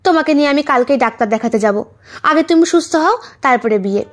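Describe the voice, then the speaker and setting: A woman voicing a shy, slightly impatient young adult daughter in an audio story, who protests quickly. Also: sits high, animated, faint music behind. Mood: fretful.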